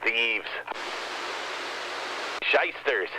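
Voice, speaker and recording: A man hosts a check-in for a CB radio club, chatting casually and cracking wry jokes about radio equipment like a technical tinkerer. He speaks at medium pitch and extremely slowly. The lo-fi recording carries a steady hiss.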